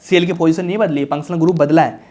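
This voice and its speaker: Fast-talking and casual, this young chemistry tutor preps students for exams in a fairly high, darkish voice with fairly even intonation. He poses his own questions and answers them, speaks colloquially and reassuringly, and addresses students as bhaiya and raja.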